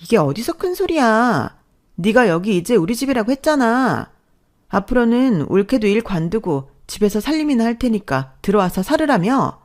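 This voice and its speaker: Woman playing a brash sister-in-law, sneering and loud, audio story. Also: a little high, big pitch swings, moderate pace, voice pushed up.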